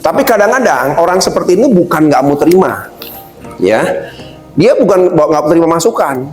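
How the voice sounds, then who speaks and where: A man's voice: fairly high pitch, moderate pace. A middle-aged man giving a casual seminar on workplace communication, chatty and slangy, acting out bosses and coworkers as he talks. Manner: animated, acts out quoted bosses and coworkers. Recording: roomy hall with faint music.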